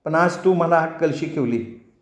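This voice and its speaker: A man's voice: fairly high pitch, a little slow, reverberant, pitched above the performer's own voice, natural voice. A man voicing a frightened young woman dancer who pleads and confesses in rural dialect. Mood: confessing. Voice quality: village dialect speech. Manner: pleading, apologetic.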